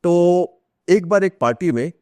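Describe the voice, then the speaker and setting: Unhurried and expressive, this author's high, mellow voice comes through with no room sound as he appears as a podcast guest. He has an Indian accent, mixes Hindi with English, explains as he tells conversational stories, and acts out what people said.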